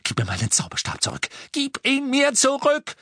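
A man voicing a furious, shrill young witch who shrieks sharp, sarcastic accusations. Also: wildly swooping pitch, normal speed, slightly rough, dry recording, clean studio sound, heavily acted.

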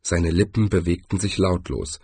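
A man reading a story aloud as an audiobook narrator, telling it in a measured way. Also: deep voice, darkish tone, husky, dry recording. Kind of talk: scripted narration.

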